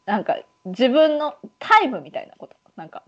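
A chatty woman with a Kansai accent talks with a fairly high voice that swoops up and down a lot. She laughs often as she chats. The recording sounds dull and lo-fi. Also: very animated, moderate pace, a bit bright. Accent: Kansai Japanese. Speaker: podcast co-host. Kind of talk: casual chat.

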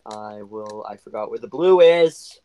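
A man's voice: on the low side, lively intonation, measured pace, mellow, smooth, dry recording. Guy joking around w friends over a game, teasing, keeps laughing. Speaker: gamer. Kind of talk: casual gaming voice chat.

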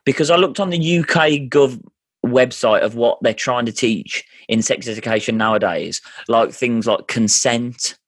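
A man's voice: medium pitch, normal speed, no echo. Earnest man, dry close sound. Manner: earnest, stumbling restarts. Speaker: podcast host. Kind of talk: casual family chat.

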